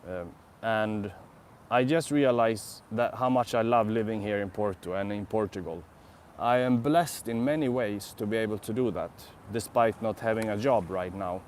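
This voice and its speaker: With a lowish, slightly mellow voice at a moderate pace, a young man from Sweden live-streams from a city park, musing aloud and replying to chat comments in a rambling, reflective way. He has a Swedish accent, and slight background noise is present.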